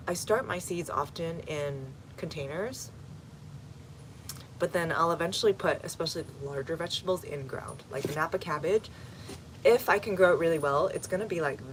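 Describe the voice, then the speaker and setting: Low-voiced woman chatting on a garden livestream. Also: a little hiss or hum, low-quality recording. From Texas, United States. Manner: chatty, answers comments one by one with fillers. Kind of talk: casual livestream chat answering viewers. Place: outdoor home garden.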